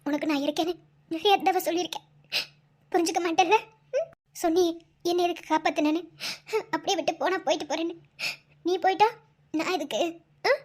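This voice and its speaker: Role: woman playing loyal, tough young wife, Madurai Tamil accent, very high voice, soothing and coaxing. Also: a little fast, pauses often, darkish tone. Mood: comforting. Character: young wife, devoted, fierce and comforting. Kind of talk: amateur cartoon voice acting.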